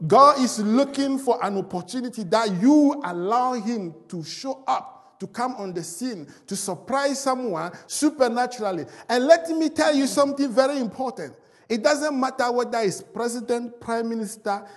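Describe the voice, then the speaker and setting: A man's voice: very high-pitched, animated, normal speed, long reverb tail. A middle-aged man preaching a sermon and telling a testimony, with emphatic rising and falling delivery. He is a native French speaker. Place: large church hall.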